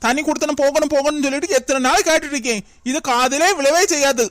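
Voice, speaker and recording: Defensive daughter-in-law arguing back, woman doing the voice, high and dry sounding. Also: fairly even intonation, fast talker, no room sound, natural voice. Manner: pleading, defensive, argumentative. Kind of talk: cartoon comedy voice acting.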